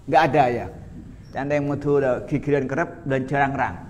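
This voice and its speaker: A man's voice: medium pitch, fairly even intonation, fairly quick, highs cut off, noisy background. A middle-aged man giving a religious lecture to a live audience, chatty and joking, often asking the listeners questions. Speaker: Islamic preacher.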